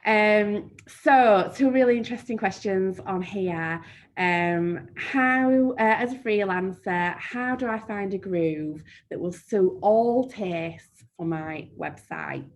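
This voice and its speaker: This woman from Yorkshire, England, speaks in a slow, mid-range voice with a broad local accent while running a live marketing webinar as a trainer. She answers questions chattily and down-to-earth, with plenty of "um"s.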